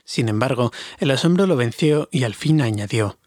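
A man narrating an audiobook in an even, steady storytelling manner. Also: medium pitch, normal speed, no room sound. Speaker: audiobook reader. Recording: dry homemade recording.

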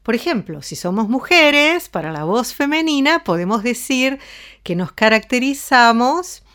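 A woman giving a calm, explanatory voice lesson. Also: a little high, unhurried, clear, resonant tone. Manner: calm, explanatory, demonstrates ways of speaking. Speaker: voice teacher. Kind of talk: spoken voice lesson.

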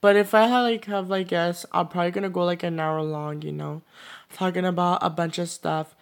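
This is a solo podcast monologue from its host, a sixteen-year-old boy with a high, gravelly yet smooth voice. His tone stays steady and his pace fairly quick as he chats casually and meanders, saying "like, you know" constantly.

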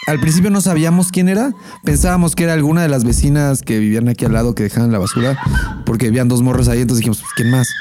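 A man's voice: mid-range voice, fairly even intonation, racing, background noise. A young Mexican man co-hosting a podcast, swearing freely and telling stories with animation. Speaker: podcast co-host. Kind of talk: casual crude chat.

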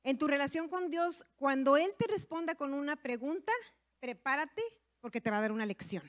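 Conversational woman preacher, fairly high voice. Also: normal speed. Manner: conversational, frequent tag questions and fillers. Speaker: women's ministry speaker. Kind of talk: sermon.

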